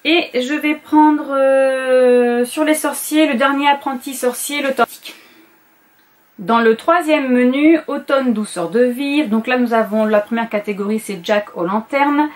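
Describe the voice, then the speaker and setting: A woman's voice: high voice, unhurried. A woman book vlogger in a casual chat to camera, going through her reading list and often hesitating and correcting herself.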